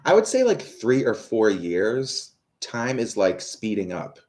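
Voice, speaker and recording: A man's voice: fairly low pitch, huge pitch swings, measured pace, darkish tone. A man in his thirties doing a live tarot reading, rambling and swearing between viewers' questions. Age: 30s. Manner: rambling, swears, many fillers and restarts; talks to viewers, reads out their questions. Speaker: tarot reader.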